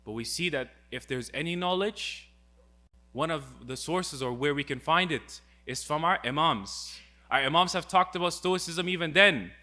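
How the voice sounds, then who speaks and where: Bright-voiced man giving an earnest religious talk. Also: a little high, moderate pace. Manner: earnest, rhetorical questions, retells stories with acted quotes. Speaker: speaker.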